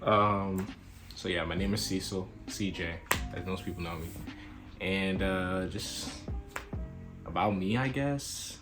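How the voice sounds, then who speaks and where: Low-voiced young man. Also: slow pace, over music. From Queens, New York. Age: early 20s. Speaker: podcast host. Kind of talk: casual self-introduction.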